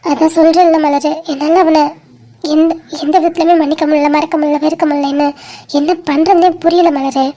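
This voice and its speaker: A performer voicing a heartbroken, stubborn young woman in a cartoon, talking softly and hesitantly through tears. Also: sits high, little pitch movement, fairly quick, close to an everyday voice. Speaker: animated series character. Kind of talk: dramatic cartoon dialogue.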